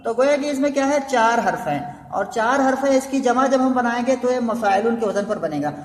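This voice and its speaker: A man's voice: very high-pitched, slight background noise. Patient male teacher in an echoey hall. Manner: patient, repeats steps, asks rhetorical questions. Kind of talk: blackboard grammar lesson. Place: classroom with a blackboard. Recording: echoey room with long reverb.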